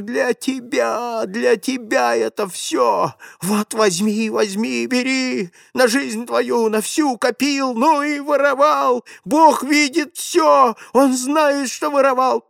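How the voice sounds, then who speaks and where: A man voicing a guilt-ridden old grandfather who cries out hoarsely and pleads with God. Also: medium pitch, no echo, studio quality. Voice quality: hoarse, wailing.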